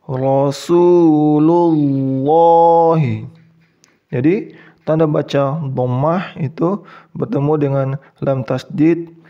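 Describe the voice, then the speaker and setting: An Indonesian man teaches in a slow, unhurried voice of middle pitch. He goes through each step patiently and repeats the examples. When he comes to the key words, he chants them long and loud, and the recording sounds somewhat dull and lo-fi. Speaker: Quran reading teacher.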